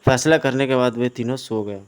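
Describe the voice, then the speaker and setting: A man's voice: mid-range voice, fairly even intonation, normal speed, smooth. A man narrating a comic book story as a dramatic audio reading and voicing every character himself. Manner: reads narration and voices all characters himself.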